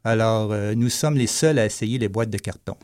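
A man's voice: fairly low pitch, normal speed, a little mellow. A man with a Quebec French accent giving a casual, joking radio column, hesitant and full of fillers. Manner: jokey, chatty, hesitant with many fillers. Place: radio studio.

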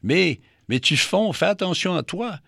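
A man doing a bright, caring yellow planet. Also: animated, unhurried, gravelly, no room sound, studio quality, exaggerated voice. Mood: worried. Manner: high, urgent warning voice.

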